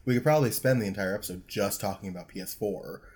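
A man's voice: fairly low pitch, quick pace, darkish tone, husky. A man co-hosting a podcast in casual chat, talking into a microphone and teasing his partner with dry humor. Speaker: podcast co-host. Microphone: studio podcast microphone.

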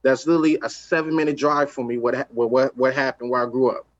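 A man's voice: medium pitch, fairly even intonation, fast, highs cut off. A man from Los Angeles, a record executive talking in a casual podcast chat, emphatic and streetwise, repeating his points.

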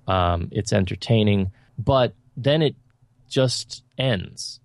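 A man's voice: fairly low pitch, takes it slowly, vocal fry, no echo. A man co-hosting a podcast, reviewing films in casual chat with an opinionated, critical and rambling manner. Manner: loose, rambling delivery.

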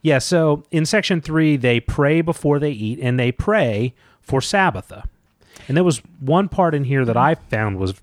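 A man's voice: mid-range voice, no room sound, studio quality. A man co-hosting a casual book discussion podcast, summarizing chapters and breaking into jokey, playful bits. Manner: jokey, bursts into silly sing-song bits. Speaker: podcast co-host.

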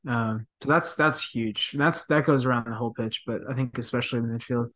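In a laid-back interview, this thirtysomething pro midfielder speaks in a soft, reflective way, often using fillers and starting over. He has a mid-range voice and a brisk pace.

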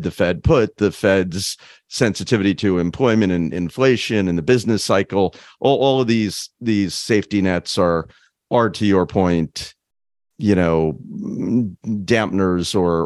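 A man with a low voice hosts a podcast interview, recorded dry and close. He talks in a halting way, restarting phrases and filling pauses as he builds his questions. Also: a little mellow, no room sound. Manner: halting, many restarts and fillers. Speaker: podcast host.

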